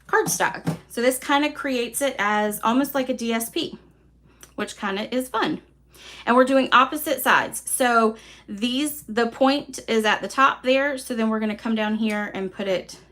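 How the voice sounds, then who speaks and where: A woman with a Southern accent hosting a live card-making class, chatty and relaxed, poking fun at herself. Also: fairly high pitch. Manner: chatty, relaxed, self-deprecating. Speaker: craft class host.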